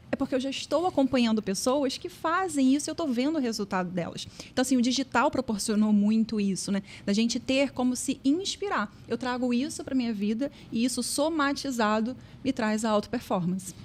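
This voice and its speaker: A woman's voice: high-pitched, darkish tone. A woman hosting a podcast, chatting casually and asking her guest questions. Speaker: podcast host.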